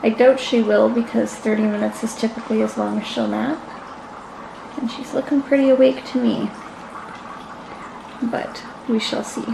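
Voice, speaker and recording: A woman's voice: a little high, steady tone, a little fast, vocal fry. A young woman casually narrating a home vlog, tracking times and minutes in a matter-of-fact way. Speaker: vlogger parent. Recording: noticeable background noise.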